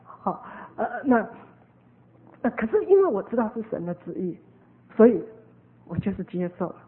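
A woman giving an earnest, animated sermon testimony as a preacher. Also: mid-range voice, moderate pace. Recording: narrow phone-like lo-fi recording.

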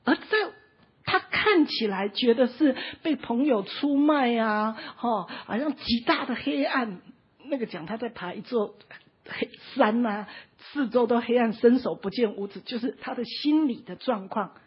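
Very husky high-voiced woman preacher. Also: lively intonation, a little slow. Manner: impassioned, often near tears, frequent "ha" tag particles. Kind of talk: emotional sermon storytelling. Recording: dull lo-fi recording.

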